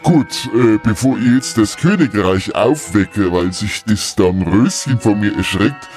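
A man's voice: on the low side, lively intonation, a little slow, darkish tone, soft background music. A man voicing a jovial, beer-loving Father Christmas, hearty and folksy.

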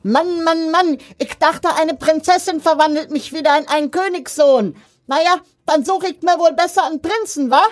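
A woman's voice: high-pitched, moderate pace, lightly acted. A woman voicing a cheeky young male frog prince, brash and slangy. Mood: grumbling. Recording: clear background noise.

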